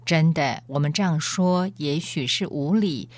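A woman's voice: sits low, unhurried, no room sound. A woman voicing a proud, pompous male talking warhorse who lectures like a know-it-all. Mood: lecturing.

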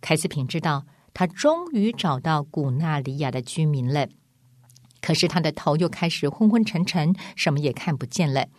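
A woman narrating a storybook aloud in an expressive, dramatic manner. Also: sits low, moderate pace, dry recording, studio quality. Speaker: audiobook reader.

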